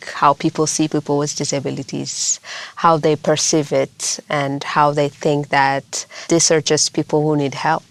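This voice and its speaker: A young woman, a lawyer and social worker, answering interview questions in a measured, earnest way. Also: deep voice, creaky. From Ethiopia.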